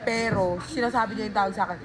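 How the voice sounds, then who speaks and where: A woman's voice: mid-range voice, fast, crowd noise, rough recording. A woman telling a rambling story on a casual livestream, talking into a phone and calling her viewers guys and be.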